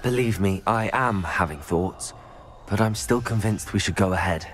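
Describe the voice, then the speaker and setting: A man's voice: fairly low pitch, normal speed, slight background noise, close to an everyday voice. A man playing an earnest young wizard. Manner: earnest, persuasive. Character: young male wizard student, determined and earnest. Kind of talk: video game dialogue. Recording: game audio with faint music.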